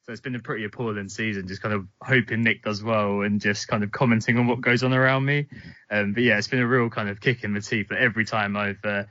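Bright, forceful man on a muffled call. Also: on the low side, steady tone, fast talker, dry recording. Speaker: podcast guest. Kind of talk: casual joking football chat. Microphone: internet voice call. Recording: muffled internet call audio.

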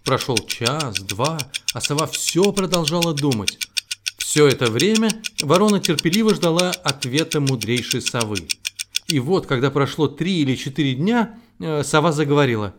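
A man reading a funny children's fairy tale aloud in an expressive storyteller manner. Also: on the high side, normal speed, noisy background. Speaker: storyteller dad.

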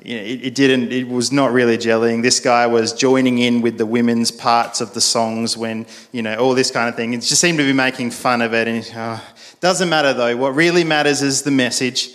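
A man preaches in a loose, conversational way. He tells stories with plenty of fillers and restarts, and his voice sits at a middle pitch. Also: steady tone, normal speed, a bit bright. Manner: casual storytelling, frequent fillers and restarts. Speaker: pastor. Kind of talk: sermon.

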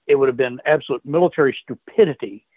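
Brief: male guest historian from West Virginia, measured storyteller, tinny phone-like sound, dry. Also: medium pitch, no echo.

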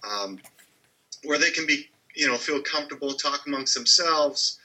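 A man's voice: on the high side, normal speed, pushed and bright, poor audio. A man speaking as a podcast guest, earnestly explaining his work with a few uhs and ums. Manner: earnest, explanatory, uses fillers. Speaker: guest, training company head. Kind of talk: casual podcast interview.

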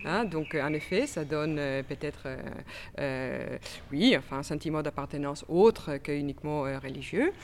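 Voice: mid-range voice, normal speed, slight background noise. An exhibition curator explaining history in an interview, with frequent fillers and restarts. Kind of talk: expert interview answers.

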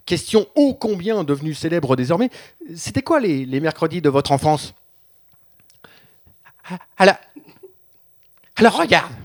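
A man's voice: on the high side, sing-song, moderate pace, long pauses. A man doing a playful, stammering comic mock interview on a radio show, recorded in a studio. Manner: playful, stammering, mumbly asides. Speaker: radio columnist.

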